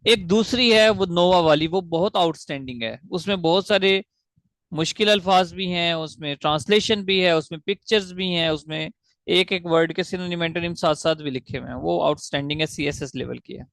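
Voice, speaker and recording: Gravelly-voiced man teaching English grammar. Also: on the high side, a bit bright, no echo. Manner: explains step by step, spells out syllables slowly, asks the class questions. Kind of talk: online grammar lecture.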